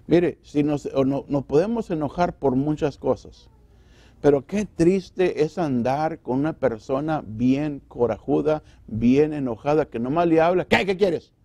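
A male pastor delivers a sermon in a church, firing off rhetorical questions and voicing imagined church members. His voice sits a little high yet sounds dark and mellow. The sound is dry and close. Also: a little slow, dry recording. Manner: preaching with rhetorical questions and acted-out quotes. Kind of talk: Spanish sermon.

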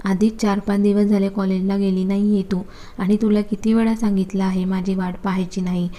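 A woman's voice: medium pitch, flat delivery, a little fast, mellow, close to an everyday voice. A woman voicing a stern, busy young husband who talks in curt, scolding lines in a storybook reading.

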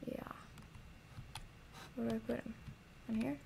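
A woman's voice: on the high side, fairly even intonation, unhurried, creaky, background noise. A young woman streaming a game, chatting casually and jokily to her chat and sometimes whispering. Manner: jokey, talks to chat, drops to whispers while hiding. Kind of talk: casual let's-play commentary.

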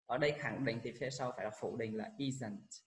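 A man's voice: medium pitch, rough recording. Vietnamese male teacher explaining test answers. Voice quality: reads English answer words slowly and explains them in Vietnamese. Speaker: high school English teacher. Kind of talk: exam walkthrough lesson.

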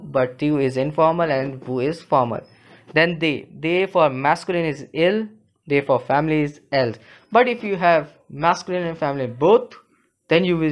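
A male language teacher giving a classroom lesson, slow and deliberate, repeating phrases for learners. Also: on the high side. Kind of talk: classroom lesson, reading a textbook dialogue aloud.

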